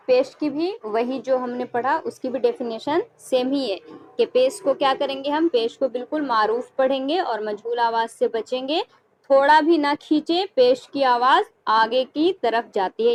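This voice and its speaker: A woman teaching a recorded lesson on Arabic letter sounds, patient and repetitive, slowing down to model each sound. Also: sits high, a little mellow, poor audio. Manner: patient, repeats and checks with "ठीक है"; slows to demonstrate sounds, then speeds up. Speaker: Quran reading teacher.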